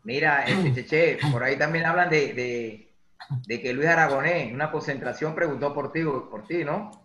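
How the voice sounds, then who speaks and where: A man's voice: fairly high pitch, moderate pace, fairly bright tone. A man hosting an interview, asking long, rambling questions full of fillers. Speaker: host, interviewer. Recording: echoey dull lo-fi room.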